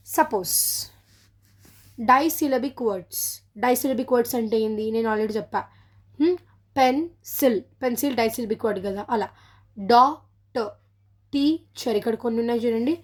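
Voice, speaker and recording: Telugu-accented teacher, a bit high-pitched. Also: female voice, darkish tone. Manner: mixes Telugu and English, checks in with "okay?" often; repeats example words slowly to show stress. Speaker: English teacher. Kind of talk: classroom-style explanation.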